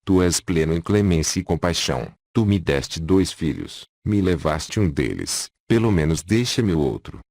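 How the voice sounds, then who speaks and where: A man's voice: sits low, sing-song, moderate pace, hardly any pauses, a little mellow, no echo, heavily acted. A man reading the words of a grieving mother who implores mercy for her dying child. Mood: imploring.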